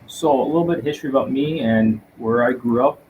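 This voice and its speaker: A man's voice: mid-range voice, a little mellow. Detective guy from canada sharing his story, earnest, lots of ums, noisy recording. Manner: reflective, earnest, with frequent pauses and "um"s. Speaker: detective inspector, guest. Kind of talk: personal storytelling in an interview.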